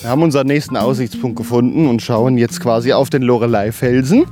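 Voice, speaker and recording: A man's voice: mid-range voice, steady tone, quick pace, music in the background. A man hosting a hiking podcast outdoors, explaining things in a casual, conversational way as he walks. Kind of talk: casual on-location commentary.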